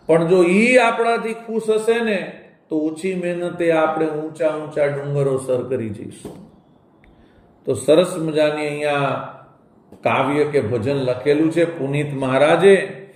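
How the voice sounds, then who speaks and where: A man delivers an emotional moral talk in a somewhat raised voice. He moves between storytelling, a mother's soft replies and direct appeals to his listeners. The recording carries a strong room echo. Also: on the high side. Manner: addresses listeners as "saheb" and urges them directly. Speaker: moral speaker. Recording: echoey room.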